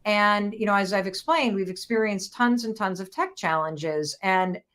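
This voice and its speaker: A woman hosting a live motivational broadcast, halting and emotional, sounding overwhelmed and on the verge of a nervous breakdown. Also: medium pitch, a bit bright. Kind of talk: motivational talk to live online audience.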